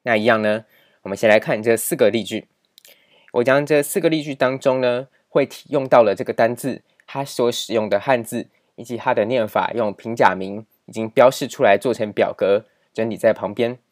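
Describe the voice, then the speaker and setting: A man's voice: mid-range voice, moderate pace. A man teaching a grammar lesson over slides, explaining patiently and repeating key points with many filler particles. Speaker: language teacher.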